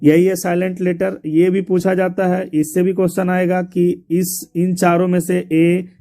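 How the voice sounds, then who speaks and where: A man's voice: sits high, level tone, a little slow, warm tone. A man teaching an exam syllabus, repeating points and spelling words out letter by letter. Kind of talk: explaining a syllabus to students.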